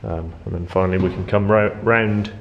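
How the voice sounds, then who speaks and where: A man's voice: low-pitched, steady tone, a little fast, muffled recording. A man acting as tour guide, explaining machinery in an informal, unscripted way inside a ship's engine room. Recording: echoey metal room, background hum.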